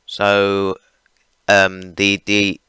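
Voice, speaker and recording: A young gaming channel host speaks in a fairly low, monotone voice, drawing out his words, with a bright, forceful, clear, and resonant tone and no echo. He rambles casually through a train simulator with many fillers and hesitations, his voice strained and fading from too much talking. The home recording is noisy.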